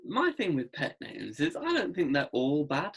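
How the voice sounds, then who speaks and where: Teasing man with a lively voice. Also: fairly high pitch, moderate pace, husky. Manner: teasing, jokey and animated. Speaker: podcast host. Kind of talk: casual chat.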